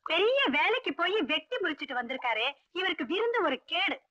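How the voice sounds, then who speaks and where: An actress playing a feisty, sharp-tongued young wife, in old film comedy dialogue. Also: female voice, very high-pitched, sing-song, fairly quick, no room sound, highs cut off, heavily acted. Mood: scolding.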